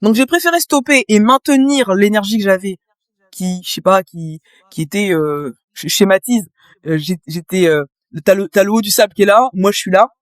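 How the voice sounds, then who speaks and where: A woman's voice: medium pitch, normal speed, dry recording, clean studio sound. A woman guest in a casual interview, explaining her experience with vivid images and talking straight to the listener. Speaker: guest, business coach.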